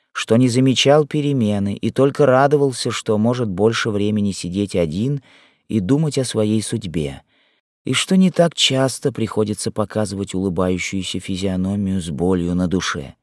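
A man narrating an audiobook with expressive storytelling. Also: on the low side, moderate pace, no echo, clean studio sound. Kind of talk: scripted narration.

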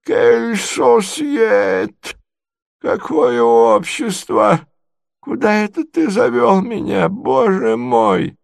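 A man's voice: extremely high pitch, extremely slow, gravelly, dry recording, studio quality, pitched above the performer's own voice, heavily acted. A man voicing a senile, fussy elderly prince who stammers and quavers. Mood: dithering.

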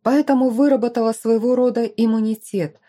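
A woman narrating a fantasy novel in the first person, with expressive storytelling. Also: fairly high pitch, a little fast. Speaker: audiobook narrator.

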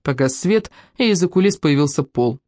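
A woman narrating an audiobook in an even, measured storytelling manner. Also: deep voice, dry recording, studio quality.

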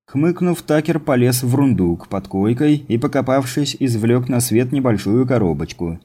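A man reading a science fiction audiobook as narrator, in steady scripted narration. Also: medium pitch, normal speed, slightly rough.

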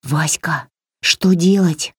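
A woman's voice: medium pitch, lively intonation, a little slow, darkish tone, breathy edge, no echo, clean studio sound, pitched above the performer's own voice. A woman voicing a frightened but stubborn young girl in a storybook reading, with a pleading, anxious manner.

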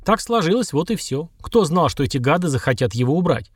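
A man's voice: on the high side, very animated, brisk, breathy edge, no room sound, studio quality. A man reading an audiobook and voicing a male agent who complains defensively about his assignment.

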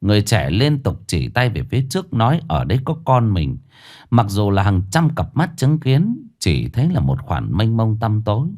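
A man narrating a ghost story in a dramatic, lively way. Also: lowish voice, normal speed. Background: faint music.

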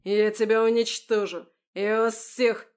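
A woman putting on a drunk raging official, grating and hoarse. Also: a little high, steady tone, a little slow, close to an everyday voice. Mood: furious. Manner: shouting, ranting, breaking into shrieks. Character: drunk raging male regional official, bullying.

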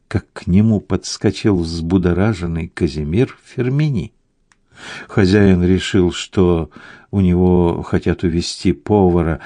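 A man narrating a novel as an audiobook in a measured storytelling manner. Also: low-pitched, dark tone, no echo.

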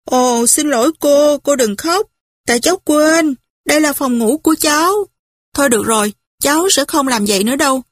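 A woman's voice: high voice, normal speed, dry recording, voice pushed up, close to an everyday voice. A woman voicing a willful, restless young widow who talks back petulantly. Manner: petulant, defiant.

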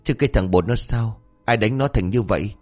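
A man voicing a loud, brash old mother-in-law who scolds and curses. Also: on the low side, brisk, soft background music, close to an everyday voice. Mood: dismayed. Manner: shouting curses.

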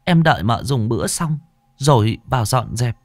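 A man's voice: mid-range voice, very animated, moderate pace, darkish tone, no echo, soft background music, voice pushed up. A man voicing a young female maid in an audio story, who pleads and stammers nervously. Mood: pleading.

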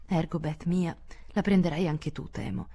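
A woman's voice: lowish voice, moderate pace, warm tone, husky. Jo: a woman voicing a spirited, impulsive teenage girl. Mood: earnest. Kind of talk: audiobook character voice.

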